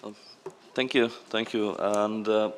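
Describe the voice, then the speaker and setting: Lower-voiced man. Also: level tone, slow pace. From Latvia. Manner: loose, unscripted delivery. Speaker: program representative at a conference. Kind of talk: conference presentation.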